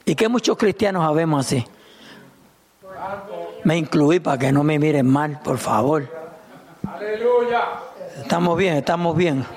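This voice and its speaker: A man preaching a sermon as pastor to his church, lively, with sudden shouts and laughter. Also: fairly high pitch, a little slow, long pauses.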